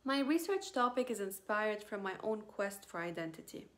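A woman's voice: mid-range voice, lively intonation, moderate pace, fairly bright tone. Woman, careful formal delivery. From Lebanon. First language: Arabic. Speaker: PhD student. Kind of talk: scripted research presentation. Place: small indoor room. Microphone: phone camera at arm's length.

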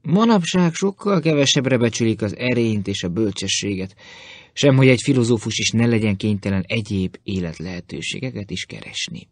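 Man reading as a slippery, bowing Greek informer for an audiobook, lowish voice, dry close sound; humble words, boastful tone. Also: lively intonation, no echo. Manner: obsequious and boastful. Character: sly, fawning male Greek philosopher-informer.

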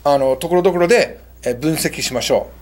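A man hosting a casual English lesson, chatty, slowing down for English phrases. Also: fairly high pitch, crowd noise. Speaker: English teacher and show host.

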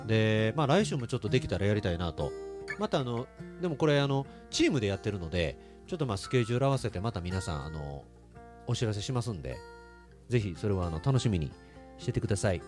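A man's voice: on the low side, very animated, quick pace, music in the background. A man with a Kansai accent, a singer chatting casually with his live stream audience between songs, laughing often. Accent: Kansai Japanese. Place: small live music venue.

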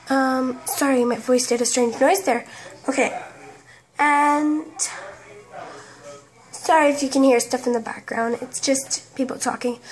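A woman casually commenting on a life-sim game, rambling and halting, often tripping over words. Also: sits high. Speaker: game video creator.

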